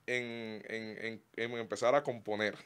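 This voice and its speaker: Bright-voiced Cuban man telling stories. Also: lowish voice, flat delivery, measured pace, smooth. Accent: Cuban Spanish. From Cuba. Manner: rambling, frequent restarts, laughs warmly. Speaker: guest singer and pastor. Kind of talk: casual interview storytelling.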